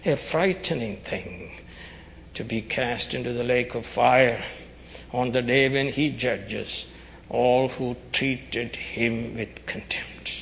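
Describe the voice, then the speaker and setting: Slow, forceful doomsday preacher, echoing hall. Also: male voice, mid-range voice. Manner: stern, urgent doomsday warning, like a street preacher; emphatic, solemn, deliberate phrasing. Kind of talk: fire-and-brimstone sermon. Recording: dull, noisy recording in reverberant hall.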